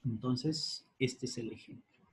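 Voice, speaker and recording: A man teaching a grammar lesson at a board, spelling out letters and repeating key words deliberately. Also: mid-range voice, slightly rough.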